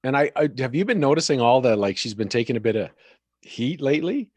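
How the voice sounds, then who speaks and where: A man's voice: medium pitch, lively intonation, fast, a little mellow, breathy edge, no echo. A man hosting a casual live chat show, laughing easily and poking fun at himself. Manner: laughs often, chatty, self-deprecating. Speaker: show host.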